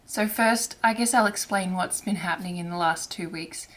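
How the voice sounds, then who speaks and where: Loud music runs behind a fairly low-pitched woman chatting on her own cross-stitch vlog. Her irritated throat leaves her hoarse and raspy, and her quiet delivery is halting, with frequent fresh starts.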